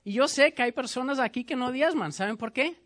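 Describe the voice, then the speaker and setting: A man's voice: very high voice, fairly quick, a bit bright. A man preaching a sermon as pastor, emphatic and repetitive, speaking directly to his congregation.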